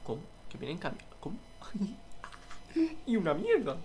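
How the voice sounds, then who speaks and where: A young man with a Spain Spanish accent giving excitable live gaming commentary, swearing and yelling at other players. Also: high voice, unhurried, in a whisper. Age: young adult. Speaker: gaming YouTuber.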